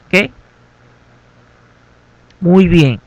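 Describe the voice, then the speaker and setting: Male English teacher, high voice, dry close mic, instructive and repetitive. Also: drawn-out words, no room sound, rough recording. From Venezuela. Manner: instructive, repeats "ok" as a check. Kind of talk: classroom lesson.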